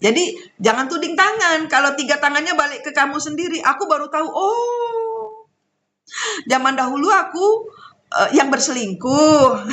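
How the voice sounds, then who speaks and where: Woman, high bright voice, animated spiritual storyteller who laughs a lot. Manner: animated, laughs often, mixes in Javanese and English. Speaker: spiritual talk host. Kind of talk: casual spiritual storytelling monologue.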